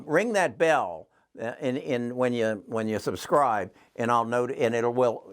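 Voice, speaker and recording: A man of seventy-seven hosting his own channel, giving earnest, folksy advice straight to the camera, often repeating words as he finds his thought. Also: medium pitch. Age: 70s. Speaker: channel host. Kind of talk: casual advice monologue to camera.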